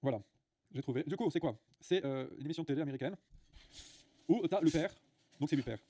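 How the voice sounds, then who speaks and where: A fast-talking livestream host with a fairly high voice and dark tone delivers a blunt, casual rant to viewers, stumbling through many fillers and restarts. It's a dry, studio-quality recording.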